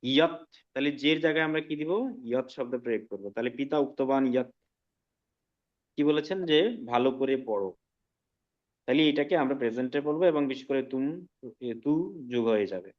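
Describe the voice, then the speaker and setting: Man, language teacher, patient explaining, frequent check-ins, medium pitch, slightly muffled audio. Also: moderate pace, long pauses. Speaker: Sanskrit teacher. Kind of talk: online language lesson.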